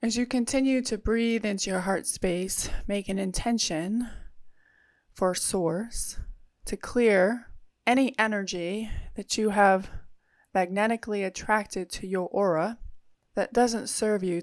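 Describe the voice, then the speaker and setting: A woman leading a guided meditation in a soothing, unhurried manner with long pauses. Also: medium pitch, no echo, studio quality.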